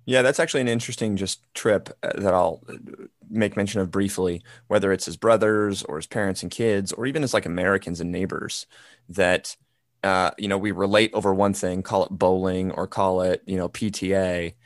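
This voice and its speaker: A man co-hosting a podcast, talking in an animated, rambling way with lots of fillers. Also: low voice, a little fast, no echo, studio quality. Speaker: podcast co-host. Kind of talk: casual podcast conversation.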